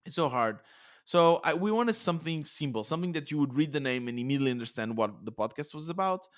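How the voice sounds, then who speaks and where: A man with a Portuguese accent hosting a solo podcast, talking in a chatty, excitable way with many restarts. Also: a little high, fast talker. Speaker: podcast host. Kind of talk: casual solo podcast monologue. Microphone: podcast studio mic.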